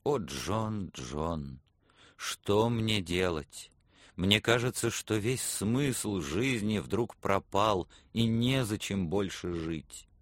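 A broken young man, hoarse and tearful in his grief, as a male audiobook reader voices him. The voice is very deep and dry, close to the microphone. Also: very animated, moderate pace, no room sound. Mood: grieving. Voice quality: hoarse, husky.

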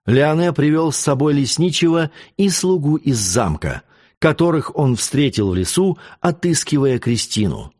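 Expressive male audiobook narrator. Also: fairly high pitch, normal speed. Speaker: audiobook reader. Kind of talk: reading a classic novel aloud.

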